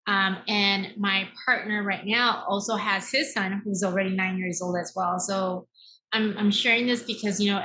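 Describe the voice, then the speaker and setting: A 39-year-old woman, born in America and raised in Taiwan, tells her personal story as a podcast guest and mindset coach, earnest and emphatic, using rhetorical tags like "right?". Her voice is mid-range with a sharp tone, and the recording is rough.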